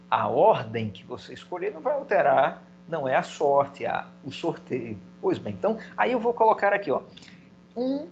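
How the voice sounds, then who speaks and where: A man's voice: medium pitch, vocal fry, dull audio, a little hiss or hum. Man teaching a recorded video lesson. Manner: explains step by step, voices student questions. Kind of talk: video lecture.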